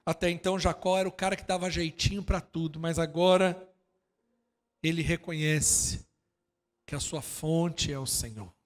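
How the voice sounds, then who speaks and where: A Brazilian pastor preaching a sermon, swinging from quiet asides to loud shouting and firing rhetorical questions at his congregation. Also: on the high side, normal speed, in a large hall. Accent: Brazilian Portuguese. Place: church hall.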